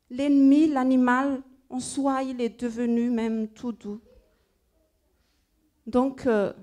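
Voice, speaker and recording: Woman, high voice, slow, animated children's story, asks children questions, church service.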